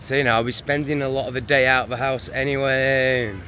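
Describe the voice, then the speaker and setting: A man's voice: medium pitch, flat delivery, a little fast, bright, forceful tone, a little hiss or hum. A man with an English accent in a casual vlog rant, exasperated and sweary, rambling from one gripe to the next. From England. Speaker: vlogger. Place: home in a town, street sounds outside.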